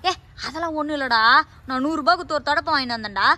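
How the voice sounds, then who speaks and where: A woman acting as a scolding mother in a comedy sketch, exclamatory and quick to chide. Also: sits high, bright, forceful tone.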